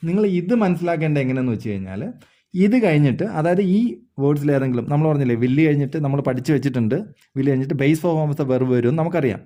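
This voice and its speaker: A man's voice: a little high, mellow. A man teaching an English grammar lesson, explaining step by step, repeating words and often checking whether the listeners understood.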